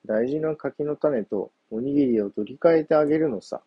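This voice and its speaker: A man's voice: mid-range voice, normal speed, breathy edge, no echo, muffled recording, pitched above the performer's own voice, natural voice. A man voicing a hungry, sly young male monkey in a children's story, whiny and boastful.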